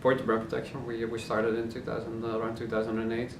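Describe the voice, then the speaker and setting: A man, a company co-founder, explaining his business in a relaxed interview with many fillers. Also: mid-range voice, quick pace, loud music behind the voice. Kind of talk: casual interview answers. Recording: roomy office, distant mic, noisy hum.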